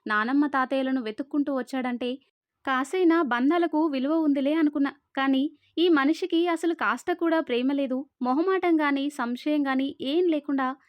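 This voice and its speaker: Storybook part: sharp-tongued young village woman, always protesting, voiced by a woman narrator, high and dry. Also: normal speed, dry recording, highs cut off, natural voice. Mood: flustered. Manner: flustered, protesting.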